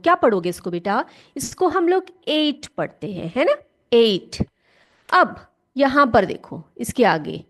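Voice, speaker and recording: A woman teacher speaks in a high voice at a slow, unhurried pace. She patiently repeats words and keeps asking the class questions. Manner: calls students "beta" warmly. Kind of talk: classroom lesson.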